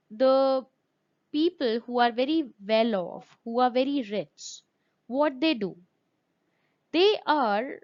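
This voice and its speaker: Woman teacher, lo-fi recording. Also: a little high. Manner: repetitive, asks the class questions, stresses words with "very, very". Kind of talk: classroom lesson explaining a story.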